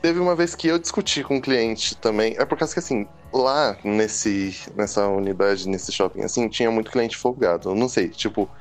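A young man with a Brazilian Portuguese accent telling a work story on a podcast, animated and acting out the people he quotes. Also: moderate pace, few pauses, faint music behind. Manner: animated, acts out quoted customers and staff with rising pitch. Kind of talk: casual storytelling chat.

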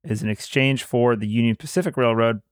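A man hosting a casual board game discussion, explaining details at an easy pace and pausing with fillers as he recalls them. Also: mid-range voice, dry recording, studio quality.

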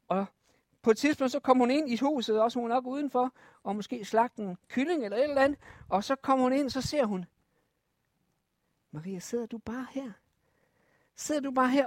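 A preacher telling a Bible story to children, lively and asking the listeners questions. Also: medium pitch, no echo, clean studio sound.

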